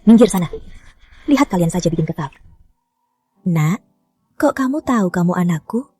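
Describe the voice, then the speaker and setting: A woman's voice: fairly low pitch, expressive, mellow, breathy edge, soft background music. An actress dubbing a middle-aged mother who scolds her sons and gives firm orders. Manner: brisk, scolding, commanding. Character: middle-aged mother, sharp-tongued and decisive. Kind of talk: dubbed short-drama acting.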